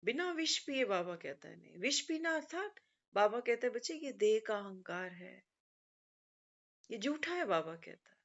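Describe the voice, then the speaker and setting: On a muffled lo-fi recording, a woman with a slightly high, sing-song voice speaks at normal speed. As a spiritual speaker giving a devotional discourse, she narrates in a storytelling way, frequently quoting teachings with conversational asides.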